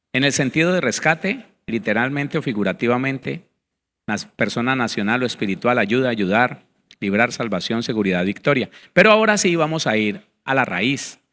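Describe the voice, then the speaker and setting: A man's voice: medium pitch, pushed and bright. A male pastor teaching a Bible seminar, reading word definitions aloud and speaking to his listeners directly, with emphatic repetition.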